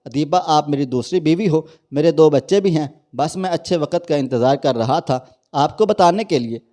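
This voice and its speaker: Man doing a quiet secretive young husband. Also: close to an everyday voice. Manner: quiet, low-key.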